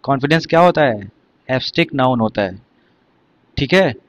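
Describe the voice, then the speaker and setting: A man's voice: medium pitch, expressive, brisk. Man teaching vocabulary. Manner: explains word by word, quizzing students. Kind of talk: exam vocabulary lesson.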